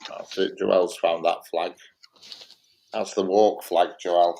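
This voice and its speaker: In a casual live-stream chat, a man with a Lancashire accent shares blunt opinions, speaking emphatically and repeating himself often. His low, dark, creaky voice is fairly even in intonation and a little slow, with a slight hiss or hum in the recording.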